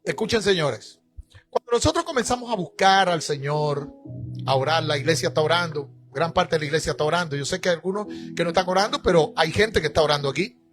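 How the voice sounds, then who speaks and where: A male pastor preaching a church sermon, emphatic, rising at times to shouts. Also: a little high, expressive, fast, faint music behind.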